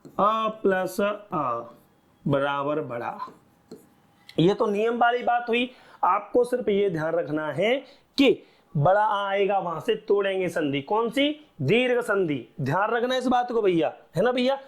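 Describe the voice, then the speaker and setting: A man's voice: high-pitched, expressive, unhurried. A male teacher giving a classroom lecture, asking the class short questions and answering them himself.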